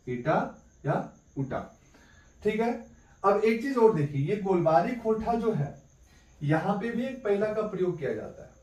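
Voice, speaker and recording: Here a high-pitched, slightly mellow male voice leads an exam-prep class, restating the main points as questions he answers himself. It's recorded from a distance in a reverberant room.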